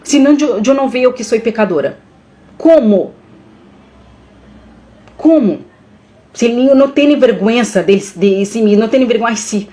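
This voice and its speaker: Animated woman on a live stream. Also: a little high, moderate pace, long pauses. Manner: animated, mixes Portuguese and Spanish, emotional.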